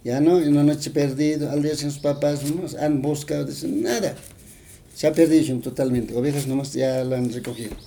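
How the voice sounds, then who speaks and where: A man's voice: a little high, fairly quick, vocal fry, warm tone, slight background noise. A man with a Bolivian Spanish accent, retelling a folk tale in an interview, rambling and full of fillers and tag questions.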